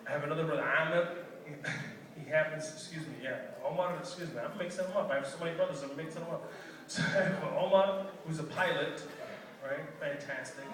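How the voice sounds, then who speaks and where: A man performing live stand-up comedy, telling family stories with quick asides to the audience. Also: a little high. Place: large hall with a live audience. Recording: echoey hall, far mic, crowd laughter.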